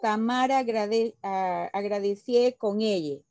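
A woman's voice: mid-range voice, a little slow, dark tone, no echo, studio quality, faint music behind. A woman student in an online class, reading her phrases and asking hesitant questions.

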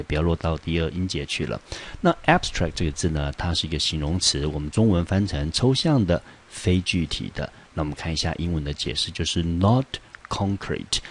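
A man's voice: low-pitched, slight background noise. A man with a Taiwanese Mandarin accent teaching an English vocabulary lesson, patiently explaining and repeating the key words.

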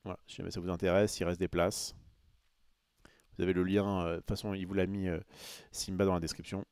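A man's voice: sits low, flat delivery, brisk, darkish tone, dry recording, studio quality. A man chatting casually on a live stream, rambling with many fillers and restarts and answering his chat.

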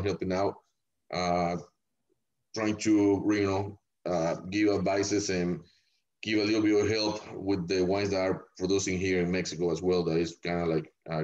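A man from El Salvador, a winemaker guest on a podcast, talking in a relaxed, rambling way with many fillers. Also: deep voice. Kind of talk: casual podcast interview. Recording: dull lo-fi audio.

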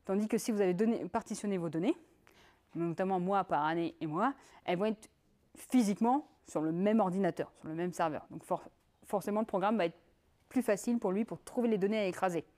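A woman giving a technical conference talk, in a lively conversational way with many fillers and asides. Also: mid-range voice, brisk. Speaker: conference speaker.

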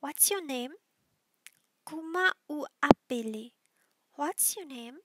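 A woman with a Mauritian accent teaching vocabulary as a scripted drill, saying each word deliberately and repeating it. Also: high-pitched, animated. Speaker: language teacher.

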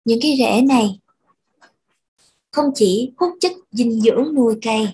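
A woman's voice: a little high, measured pace, a little mellow, slightly rough, poor audio. A woman teaching English vocabulary, explaining patiently and repeating words for pronunciation. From Vietnam. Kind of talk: bilingual language lesson.

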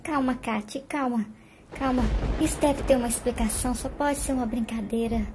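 Calm brave doll girl, high voice, reassuring , as a woman plays her. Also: normal speed, noisy background, natural voice. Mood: soothing. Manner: soothing, reassuring. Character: calm, steady young woman doll who reassures friends.

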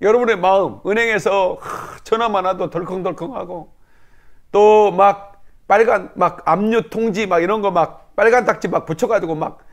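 A man's voice: sits high, moderate pace, vocal fry. A middle-aged man, a pastor, praying fervently with declarations and then telling a personal story in a chatty sermon style.

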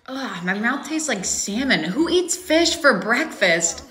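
A woman's voice: a little high, sing-song, slow pace, fairly bright tone, soft background music. A young woman acting out a comedic skit with over-the-top, dramatic reactions. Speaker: skit creator.

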